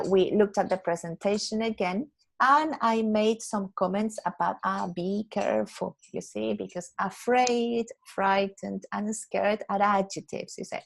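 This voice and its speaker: A woman in the middle of her pitch range teaches English over a video call, her voice carrying a gravelly fry. She explains each point patiently, repeats words and checks in with a quick "yeah?". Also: poor audio. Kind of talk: online English lesson.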